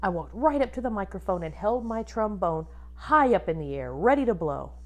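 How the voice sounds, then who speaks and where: Animated woman reading aloud to children. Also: mid-range voice, normal speed. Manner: expressive, instructive, asks the listeners questions. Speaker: music teacher reading a picture book to pupils. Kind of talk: children's read-aloud with questions.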